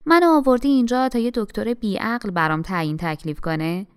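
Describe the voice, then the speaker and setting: A woman's voice: mid-range voice, clear, resonant tone, natural voice. A woman reading aloud the lines of an angry, domineering middle-aged father in an audiobook. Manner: shouting, scornful.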